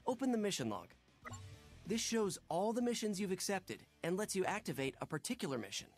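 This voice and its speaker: A man's voice: high voice, big pitch swings, brisk. A man voicing a helpful video game tutorial guide with scripted instructions. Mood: instructive. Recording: music behind the voice.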